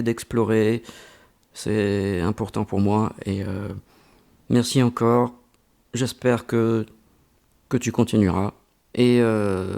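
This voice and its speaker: A man's voice: fairly low pitch, creaky, dark tone. A man answering interview questions in a reflective way, with frequent hesitations and repeated words. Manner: slow and halting, many hesitations and repeated words. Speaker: interviewee, amateur voice actor.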